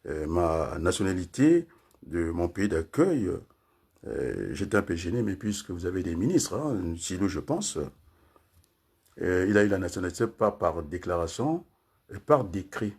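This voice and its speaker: Casting: older man from congo, low voice, wandering political commentary. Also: sing-song, measured pace, a little mellow, slightly rough. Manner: rambling, frequent tag questions and fillers. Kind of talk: casual political talk.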